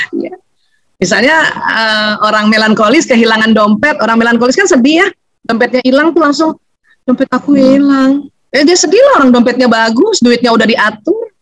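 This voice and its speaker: Animated woman lecturer. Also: a little high, a little fast, no room sound, poor audio. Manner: animated, chatty, laughs often, acts out quotes. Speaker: seminar speaker on family relationships. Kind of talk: lively seminar talk.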